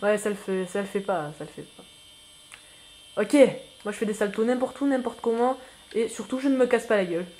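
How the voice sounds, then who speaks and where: A man giving casual gameplay commentary as a new YouTuber, rambling and self-mocking, full of slang and excitable outbursts at the game. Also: sits high, fairly quick.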